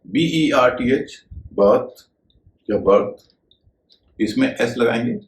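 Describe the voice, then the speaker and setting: A male teacher giving a video lesson on pronunciation, speaking in a measured way and spelling words out letter by letter. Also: medium pitch, echoey room, low-quality recording.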